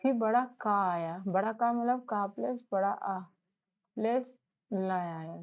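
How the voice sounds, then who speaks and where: A woman's voice: mid-range voice, slow. A woman in a mid-range voice gives an informal spelling lesson. She speaks patiently and keeps asking the learner questions to check they follow. The recording sounds slightly muffled and lo-fi. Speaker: English teacher. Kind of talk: casual spoken lesson. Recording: slightly dull lo-fi audio.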